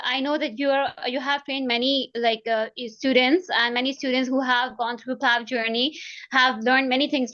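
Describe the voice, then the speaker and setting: High-voiced young woman moderating a webinar. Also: a bit bright. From Pakistan. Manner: effusive, thankful, loose phrasing with many fillers. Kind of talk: hosting a webinar. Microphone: video call. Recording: dull video-call audio.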